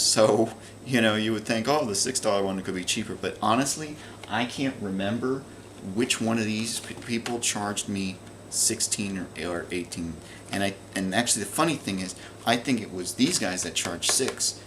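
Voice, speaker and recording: A native English-speaking man who collects video games and vlogs about it casually shows off and talks through his purchases in an unscripted show-and-tell. His voice is on the low side, he rambles with many fillers and restarts, and the background is noisy.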